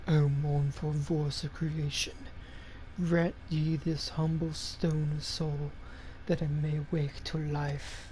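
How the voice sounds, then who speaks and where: A man voicing a male mage who chants an incantation in a low, slow, hushed voice. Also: level tone, slight background noise, rough recording. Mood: solemn.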